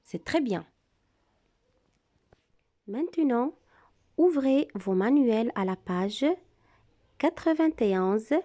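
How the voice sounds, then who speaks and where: A woman's voice: on the high side, expressive, slow pace, long pauses, dark tone. A woman teaching a reading lesson to young children, speaking with careful articulation and encouraging them. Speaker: primary school teacher.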